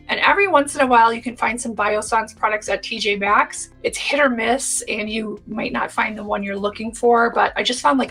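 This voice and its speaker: A woman's voice: on the high side, gravelly, fairly bright tone, slightly rough, low-quality recording. A woman in her forties chatting casually and enthusiastically through a beauty product review, talking straight to her viewers. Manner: chatty, enthusiastic, addresses viewers as you guys. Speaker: beauty vlogger.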